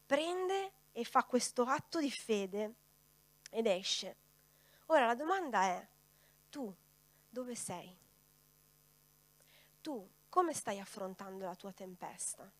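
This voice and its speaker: A woman with a fairly high voice preaches a sermon in a dry, close sound. She keeps turning to her listeners with direct rhetorical questions. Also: animated, takes it slowly, long pauses, no echo.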